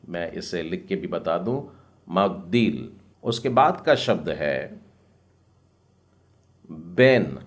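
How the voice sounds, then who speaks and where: A man's voice: deep voice, sing-song, takes it slowly, long pauses. A man teaching Hebrew step by step, patiently spelling out each word and repeating it. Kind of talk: slow step-by-step lesson.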